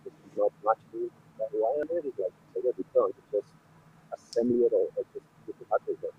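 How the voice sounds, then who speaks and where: A man with a fairly low voice chats loosely on a call. His sound comes through muffled and distant, as if he were talking through a pipe. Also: quick pace, a little hiss or hum. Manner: questioning, loose and chatty. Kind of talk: casual chat over a call.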